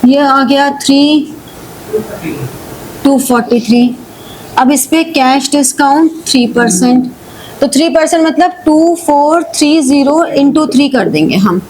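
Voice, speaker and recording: A woman teacher leads a live class at an unhurried pace. She reads each question out slowly, then explains it in a Hindi-mix and keeps checking that the students follow. A faint hiss sits behind her voice. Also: high-pitched, darkish tone, low-quality recording. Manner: checks understanding with frequent "ठीक है" and questions. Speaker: accountancy teacher. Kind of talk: live online class, solving problems step by step.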